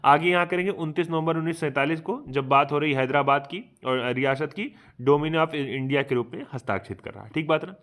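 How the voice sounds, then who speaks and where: Man, teacher, rapid revision lecture, bright ringing voice, somewhat high, self-quizzing. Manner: quizzes himself aloud, keeps asking "ठीक बात है ना". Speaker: exam coaching teacher. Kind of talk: fast online revision lecture.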